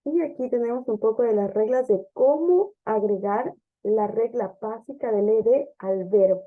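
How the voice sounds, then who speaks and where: A woman teacher explaining English grammar step by step, often checking understanding with a quick "ok?" or "¿sí?". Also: fairly high pitch, soft background music. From Ecuador. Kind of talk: classroom grammar lesson. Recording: dull lo-fi lesson recording.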